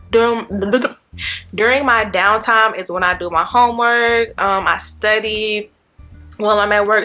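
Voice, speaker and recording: A woman's voice: medium pitch, sharp tone. A woman in her twenties, a nursing student vlogging in a chatty, rambling way, talking straight to her viewers. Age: 20s. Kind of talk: casual chat to camera.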